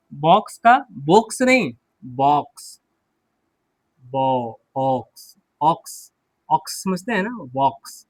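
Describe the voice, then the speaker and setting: A man teaching English pronunciation, slowly repeating words and asking and answering his own questions, clearing his throat often. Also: a little high, dry recording. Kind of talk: classroom lesson.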